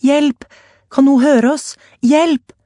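A woman voicing a frightened young woman trapped in a fire, shouting desperately. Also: high-pitched, steady tone, dry recording, clean studio sound, voice pushed up, close to an everyday voice.

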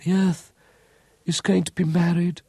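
A man voicing romantic turtle doves in a storybook, soft and sentimental. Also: sits high, little pitch movement, unhurried, creaky, husky, no echo, studio quality, pitched above the performer's own voice, exaggerated voice. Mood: dreamy. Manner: whispery, sentimental.

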